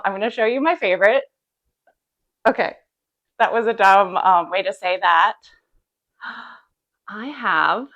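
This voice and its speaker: A woman's voice: mid-range voice, a bit bright. A woman in her thirties chatting casually to camera about her cross stitch, bubbly and full of fillers.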